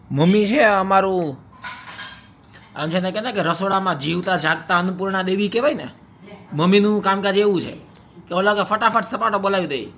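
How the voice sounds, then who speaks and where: Filming a casual home vlog, this young married man teases his viewers playfully and laughs a lot. He speaks in a high, slightly bright voice, and there's a little hiss or hum in the audio.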